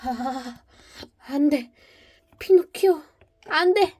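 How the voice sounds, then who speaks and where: A woman voicing every character in a comic cartoon, switching between them and breaking into shouts and mock crying. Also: sits high, animated, drawn-out words.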